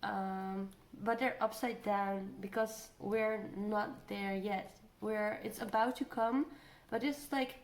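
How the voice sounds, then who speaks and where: A woman's voice: mid-range voice, fairly even intonation, takes it slowly, few pauses. A woman giving a casual tarot energy reading, thinking aloud, trailing off and repeating phrases as she goes. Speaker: tarot card reader. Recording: roomy echo, clear background noise.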